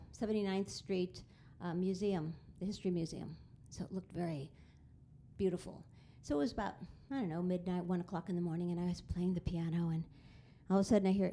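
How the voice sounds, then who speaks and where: Gravelly, mellow-voiced woman telling a story. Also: lowish voice. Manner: chatty, animated storyteller. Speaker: pianist and composer. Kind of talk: storytelling between pieces at a live concert.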